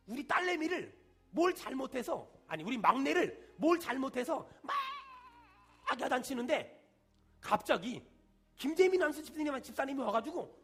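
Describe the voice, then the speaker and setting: High-voiced pastor preaching emphatically. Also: male voice, husky. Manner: emphatic call-and-response preaching, shouting at peaks. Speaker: senior pastor. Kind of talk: sermon.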